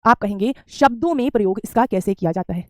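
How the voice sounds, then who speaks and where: A woman's voice: mid-range voice, animated, fast, no echo, studio quality. A woman teaching a live online grammar lesson, drilling students with questions and repeating each answer back to them.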